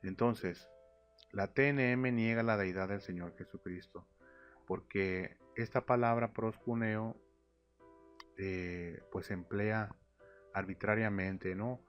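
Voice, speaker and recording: A man's voice: fairly low pitch, steady tone, slow pace. A man teaching a narrated Bible slideshow lesson, reading verses aloud and then explaining them with fillers and restarts. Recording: lo-fi audio with faint music. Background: faint instrumental music.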